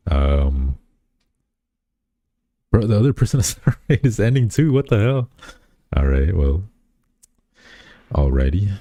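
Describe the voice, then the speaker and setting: This male VTuber has a very deep, dark, husky voice that swings widely in pitch as he speaks slowly, pausing often, during casual live-stream chat. He reads chat aloud, rambles, jokes at his own expense and restarts constantly with lots of fillers, recorded dry and close-miked.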